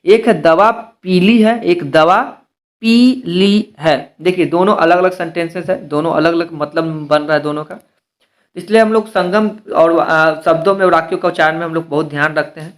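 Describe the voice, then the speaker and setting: A man teaching a step-by-step grammar lesson for exam preparation. He slows down to spell out letters one by one and keeps asking rhetorical questions before he answers them. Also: a little high.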